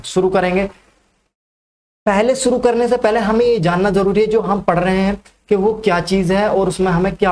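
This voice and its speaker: A man's voice: sits high, a little hiss or hum. Man teaching, answering his own questions. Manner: asks questions and answers them himself; repeats key facts, frequent "ठीक है". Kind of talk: exam-prep lecture.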